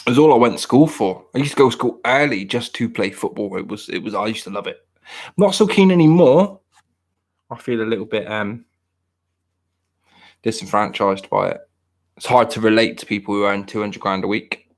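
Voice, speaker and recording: Rambling and self-mocking, a podcast host in his 30s keeps restarting his thoughts during a casual conversation. He has a voice on the low side and speaks at a moderate pace.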